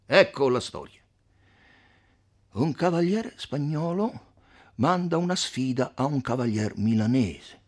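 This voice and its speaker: A man's voice: mid-range voice, animated, slow pace, long pauses, pitched above the performer's own voice. A man voicing a haughty, domineering nobleman who sneers and brushes others off, in a storybook reading. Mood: sneering.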